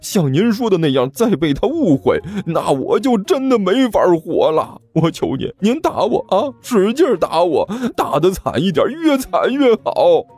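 A man doing a shrill whiny pleading sidekick. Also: wildly swooping pitch, breathy edge, heavily acted. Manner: high, fast, wheedling and begging. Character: whiny pleading younger sworn brother, beaten.

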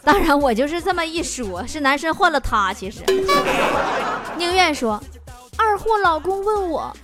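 A woman's voice: high-pitched, big pitch swings, moderate pace, loud music behind the voice, over a noisy crowd. A woman hosting a comic storytelling show, teasing her listeners and laughing at her own jokes. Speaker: host.

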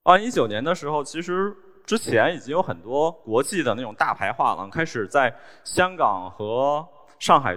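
A man, speaking in an ordinary mid-range voice, tells his stories in a wry, deadpan way and lets small laughs slip in. He is on stage in a large hall, and a long reverb trails each phrase. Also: medium pitch. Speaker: cartoonist giving a stage talk. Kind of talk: storytelling talk on stage.

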